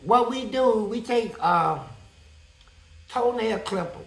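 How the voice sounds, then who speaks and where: A man with a high, gravelly voice tells a prison story slowly in an echoey room, speaking as an interview guest. He's blunt, profane and animated throughout.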